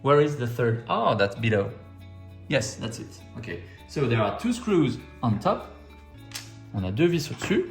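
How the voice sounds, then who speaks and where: A man with a French accent walks through an assembly step by step, his pitch rising and falling a lot. He talks slowly and jokes at his own expense. His voice rings in an echoey indoor room with faint music behind. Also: sing-song, creaky. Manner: easygoing, jokes at himself, repeats each step in two languages. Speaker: RC model hobby video host. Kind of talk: bilingual step-by-step assembly tutorial.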